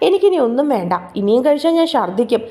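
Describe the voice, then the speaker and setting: Woman doing a young pregnant girl, teasing and sweet, mellow voice pitched a bit high, audio story. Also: sing-song, quick pace. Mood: playful.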